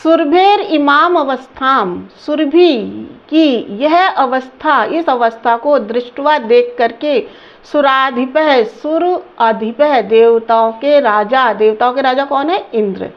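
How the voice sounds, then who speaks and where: Slow high-voiced woman teaching a lesson. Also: dull audio. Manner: slow, repeats words and asks the class questions. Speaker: Sanskrit teacher. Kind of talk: line-by-line lesson translation.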